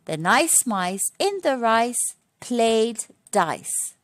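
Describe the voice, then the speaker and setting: In a dry, clean studio recording, a woman reads a picture book to young children as a phonics lesson, speaking very slowly and with great animation. Her pitch sits fairly high, and like a teacher she presents each word separately and quizzes her audience.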